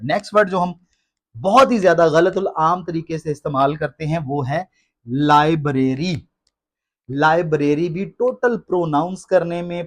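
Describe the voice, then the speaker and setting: A man teaching English pronunciation, repeating each word slowly and with emphasis. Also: fairly high pitch. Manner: repeats words slowly and emphatically, addresses listeners as friends. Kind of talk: classroom-style explanation in Hindi.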